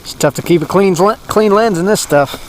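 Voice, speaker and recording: Recorded on an action camera by a fire at a snowy campsite, a male outdoor vlogger chats casually about his winter camping trip, rambling, chuckling and using filler words. He has a high voice at normal speed, against a noisy background.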